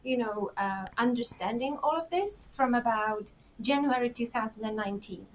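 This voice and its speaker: A woman's voice: a little high, slight background noise, poor audio. Giggly woman with a Czech accent. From Czech Republic. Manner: warm, giggly, many pauses and fillers. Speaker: guest. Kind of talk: casual interview talk.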